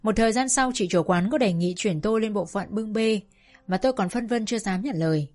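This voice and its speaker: Woman reading out a sad life story, reflective and wistful, soft music underneath. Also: mid-range voice, brisk. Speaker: narrator. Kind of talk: first-person scripted storytelling.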